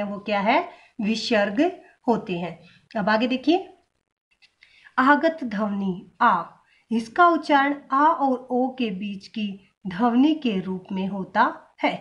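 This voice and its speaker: A woman teacher giving a grammar lesson, spelling sounds out one at a time, asking the viewer questions and then answering them herself. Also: fairly high pitch.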